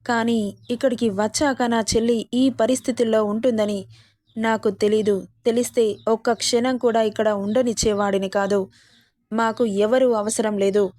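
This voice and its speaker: A woman's voice: on the high side, fairly even intonation, moderate pace, mellow, no room sound, studio quality, lightly acted. A woman voicing a hot-tempered young man angrily defending his sister in a storybook. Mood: angry. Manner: angry, warning.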